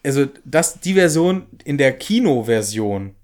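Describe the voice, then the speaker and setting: A man's voice: mid-range voice, big pitch swings, unhurried, a little mellow. A man co-hosting a casual chat and going through details point by point. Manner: detail-minded, comparing film with book. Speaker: podcast co-host.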